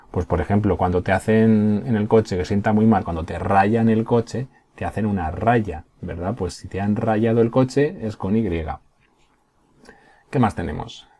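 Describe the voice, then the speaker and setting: Low, warm-voiced teacher. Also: male voice, breathy edge. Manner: patient, explaining step by step with frequent checks like "¿Mm?" and "¿vale?". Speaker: primary school teacher. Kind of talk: recorded remote class.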